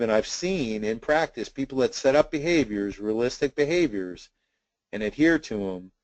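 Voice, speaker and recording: A man's voice: mid-range voice, darkish tone, no room sound, low-quality recording. A man presenting a sales training webinar in an earnest coaching tone, with a slight cough. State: intermittent cough.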